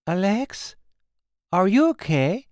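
A reader voicing a worried middle-aged mother who calls out in a high, anxious voice. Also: sing-song, slow, darkish tone, no echo, studio quality. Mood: concerned.

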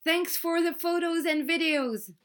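A woman voicing a friendly male New Zealand schoolteacher who greets a class slowly and clearly. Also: very high voice, pitched above the performer's own voice. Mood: cheerful.

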